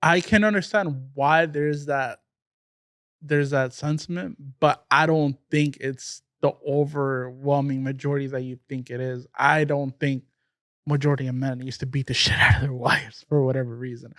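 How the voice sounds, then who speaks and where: A man's voice: mid-range voice, steady tone, moderate pace, a bit bright, no room sound, studio quality. A man co-hosting a podcast in casual chat, arguing his views bluntly and swearing now and then. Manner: argumentative, blunt, curses. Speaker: podcast co-host.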